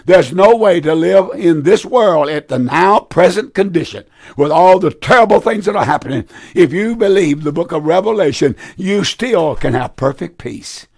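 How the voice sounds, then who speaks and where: A preacher taking calls on a live Bible show speaks in a high, expressive, creaky voice at a moderate pace, captured in clean studio sound without echo. Worn and strained from preaching, he urges listeners in an earnest, homespun way, circling back to the same phrases.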